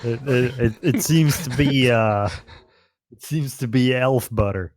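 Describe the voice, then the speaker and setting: A man running a tabletop game as game master, relaxed and often laughing. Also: medium pitch, measured pace. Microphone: online voice chat.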